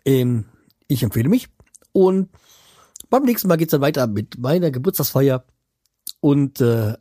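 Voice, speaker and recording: In a studio-quality recording with no room sound, a Hanau-area vlogger speaks in a medium-pitched, mellow voice with a breathy edge. He chats casually to camera from home, rambling, trailing off, and restarting with lots of fillers.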